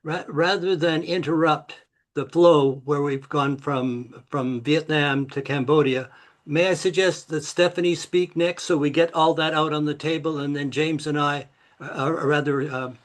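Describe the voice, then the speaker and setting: Man, co-author, polite and hesitant, highish voice, video call. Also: steady tone, unhurried. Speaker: book co-author. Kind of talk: casual meeting talk.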